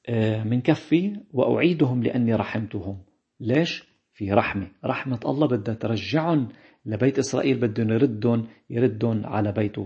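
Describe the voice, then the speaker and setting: A man with a Lebanese accent teaching a Bible passage in a slow, unhurried way with many hesitations. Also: medium pitch, dark tone, slightly rough, lo-fi sound. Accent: Lebanese Arabic. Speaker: preacher. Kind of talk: Bible teaching in colloquial dialect.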